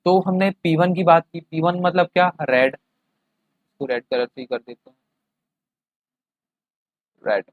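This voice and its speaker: A man's voice: on the high side, slow pace, pauses often, no room sound, phone-quality sound. A man teaching a chemistry class, explaining with everyday examples and often checking that students follow.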